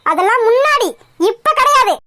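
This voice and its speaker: A woman's voice: very high voice, lively intonation, moderate pace. A woman voicing a young bride in a cartoon, pleading and defending herself. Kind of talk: cartoon voice acting.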